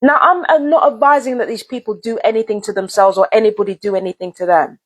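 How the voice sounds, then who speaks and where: A woman's voice: medium pitch, fast talker. A woman vlogger delivering a heated, profane rant straight to her viewers, repeating herself and swearing often. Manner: angry, profane, repetitive. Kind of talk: heated direct-to-camera rant.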